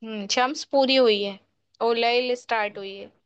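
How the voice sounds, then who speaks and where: A woman teaching tajweed over a video call, patient as she corrects each student step by step. Her voice sits fairly high and sounds smooth and clear. The call audio comes through muffled and lo-fi. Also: fairly even intonation, normal speed. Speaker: Quran recitation teacher. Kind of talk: online tajweed class.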